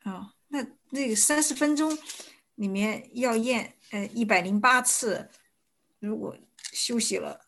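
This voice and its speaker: A woman's voice: a little high, measured pace, fairly bright tone. A woman in her forties, calling in with a question, speaking politely and hesitantly with many restarts. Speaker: caller asking a question.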